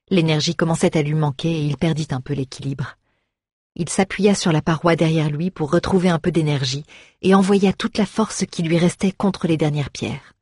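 A woman reading a fantasy story aloud in a steady, measured way. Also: low-pitched, breathy edge, dry recording, studio quality. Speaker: audiobook reader. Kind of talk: scripted fantasy narration.

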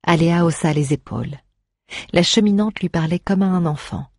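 Husky voice, measured story narration. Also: mid-range voice, no room sound, studio quality. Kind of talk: scripted audiobook narration.

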